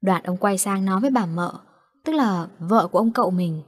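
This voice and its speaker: Calm woman narrating ghost stories. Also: mid-range voice, fairly quick, husky, dry recording, studio quality. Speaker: storyteller. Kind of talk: horror story narration.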